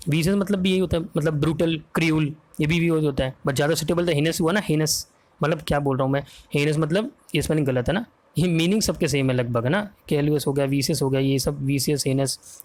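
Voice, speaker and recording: An Indian English grammar teacher with a slightly high voice gives an exam-prep vocabulary lesson in Hindi mixed with English words. He explains slowly, spells each word letter by letter, and often asks "ok?" and "है ना?"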